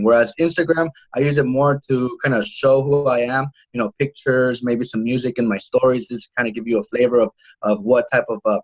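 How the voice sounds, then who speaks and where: A man in his thirties who sells home security appears as an interview guest, talking casually. He speaks haltingly, often restarting sentences and filling gaps with "uh" and "you know." His voice is medium-pitched, and the audio sounds dull.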